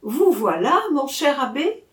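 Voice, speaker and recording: A woman's voice: high voice, very animated, unhurried, a bit bright, pitched above the performer's own voice, full character voice. A woman voicing a teasing young actress. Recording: echoey room.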